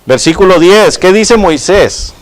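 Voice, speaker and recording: A man's voice: high voice, animated, unhurried, low-quality recording. A man preaching a sermon and reading from the Bible, asking his listeners rhetorical questions and calling them brothers. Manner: peppers speech with rhetorical questions and "verdad".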